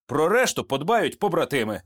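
A man's voice: a little high, sing-song, normal speed, fairly bright tone. A man reading a story aloud and voicing a seasoned, joking male sergeant who banters, gives orders and encourages a young soldier. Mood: encouraging. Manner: bantering, coarse humor, giving orders.

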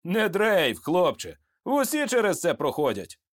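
A man's voice: high voice, wildly swooping pitch, a little slow, voice pushed up, heavily acted. A man playing a bantering veteran sergeant. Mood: encouraging. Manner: bantering, coarse humor, giving orders. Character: joking, seasoned male sergeant, fatherly and blunt.

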